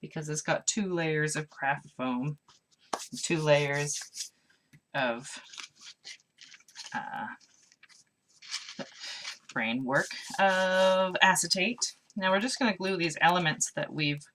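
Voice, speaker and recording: Woman, low voice, live craft class, chatty, mumbles to herself, faint hiss. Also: takes it slowly, pauses often, a bit bright. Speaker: craft instructor.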